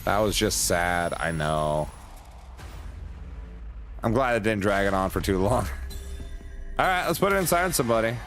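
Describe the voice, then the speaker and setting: A man streams a story game as casual let's-play commentary, cracking jokes and reading the dialogue aloud while game music plays faintly behind. His fairly low, fairly bright voice is expressive, with a measured pace and long pauses.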